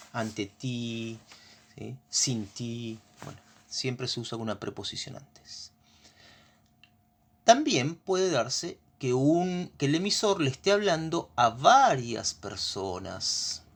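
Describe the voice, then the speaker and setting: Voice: mid-range voice, animated, slow, gravelly, slightly rough. A teacher with an Argentine accent explaining grammar in a lesson, patient and often checking understanding with short questions.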